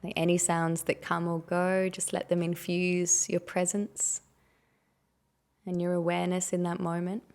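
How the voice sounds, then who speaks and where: A woman guiding a meditation, her voice sitting a little low with a gravelly fry at the edges. She speaks slowly and gently, leaving long pauses between soothing prompts. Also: completely flat delivery. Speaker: meditation guide. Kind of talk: guided meditation.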